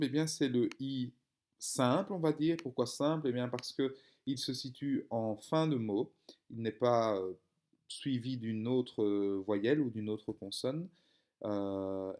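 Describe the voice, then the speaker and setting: A man's voice: medium pitch, darkish tone. A young man, explaining a reading lesson step by step, with frequent hesitations and fillers. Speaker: teacher.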